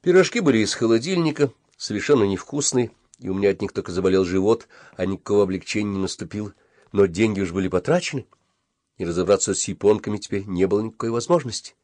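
A man narrating a first-person story at a measured pace. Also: lowish voice, a little mellow, no echo. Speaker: audiobook reader.

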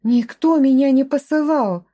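A woman's voice: a little high, normal speed, warm tone, natural voice. A woman reading the lines of a frightened but defiant young woman who answers back sharply, in a storybook reading.

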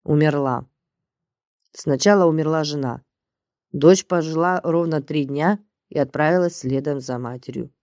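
A woman's voice: low voice, moderate pace, a little mellow, no room sound. A woman reading the part of a blunt, crude, bossy male handler in an audiobook, in a dry, close recording. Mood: grim. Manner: blunt, rude, slangy and bossy. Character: gruff, crude middle-aged male agency handler.

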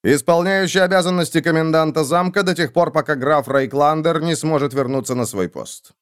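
A man's voice: on the high side, brisk, smooth, voice pushed up, lightly acted. A man voicing a stern, upright middle-aged general in an audiobook, speaking formally.

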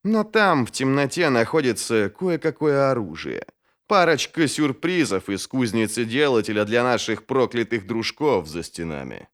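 A man's voice: mid-range voice, sing-song, normal speed, close to an everyday voice. A man voicing a powerful old male archmage who speaks in an imperious, cutting way. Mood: commanding.

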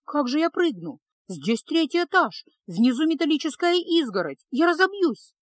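Woman playing a squeaky, flustered girl apprentice. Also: big pitch swings, normal speed, dry recording. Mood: frightened. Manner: high, squeaky, protesting. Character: frightened young woman apprentice witch, flustered.

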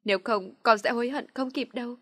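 A woman's voice: a little high, fast, fairly bright tone, pitched above the performer's own voice. A woman voicing a grieving aunt who pleads tearfully with her niece in a spoken story. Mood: pleading.

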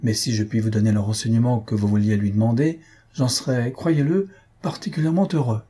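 A man's voice: medium pitch, brisk, mellow, husky, close to an everyday voice. A man voicing a mocking, teasing man in a storybook reading, with ironic, overly grand politeness. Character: mocking, teasing middle-aged man at the lodge.

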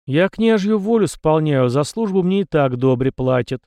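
Man doing tired guarded old-time captain, measured, probing, gravelly, dry. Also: fairly high pitch, sing-song, a little mellow, no room sound. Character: weary, guarded middle-aged male centurion.

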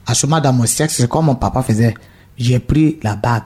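A man from Burkina Faso telling his conversion testimony in an interview, halting and repeating himself as he acts out the dialogue. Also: medium pitch, darkish tone, breathy edge. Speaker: guest giving a conversion testimony. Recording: radio studio.

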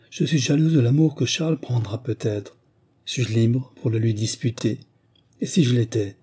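Man reading a classic novel, husky and mellow. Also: medium pitch. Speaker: audiobook reader. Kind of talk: scripted narration of a classic novel.

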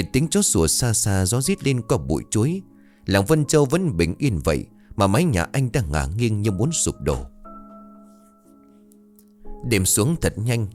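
A man narrating a scripted ghost story in a dramatic, expressive way. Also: on the low side.

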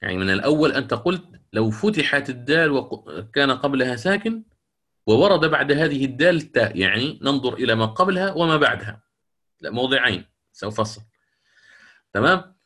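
A man teaching a lecture on Quran recitation. He explains the rules, asks the class questions and answers them himself, and slowly chants verses as examples. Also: medium pitch, very animated, sharp tone.

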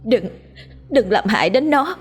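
A woman's voice: fairly high pitch, big pitch swings, measured pace, breathy edge, soft background music, voice pushed up, exaggerated voice. A woman voicing a remorseful young wife who pleads through tears in a ghost story. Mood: pleading. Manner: tearful, begging.

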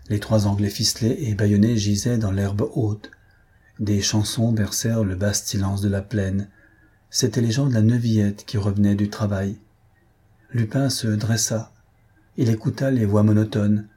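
A man reading a classic adventure novel aloud as an audiobook narrator, dramatic and measured. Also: lowish voice, warm tone, slightly rough. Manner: dramatic reading, voicing characters lightly. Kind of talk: scripted narration.

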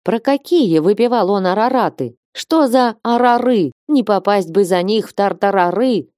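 A woman's voice: moderate pace, mellow, no room sound, lightly acted. A woman voicing a half-mad old nun who shrieks in a frenzy, with a dry close sound. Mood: shrieking. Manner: shrill, frenzied wailing.

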